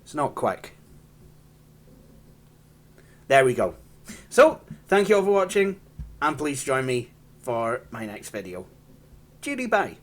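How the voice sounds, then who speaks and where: Chatty Scottish man demoing software. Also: mid-range voice, expressive, measured pace. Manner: rambling, self-deprecating, laughs often. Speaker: tech channel host. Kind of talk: casual hands-on software walkthrough.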